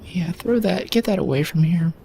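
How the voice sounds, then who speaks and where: A woman streamer chats her way through a video game, thinking aloud with plenty of fillers. Her voice sits a little low. Faint game music runs underneath. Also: animated, moderate pace, creaky, dark tone. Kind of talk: casual gameplay commentary.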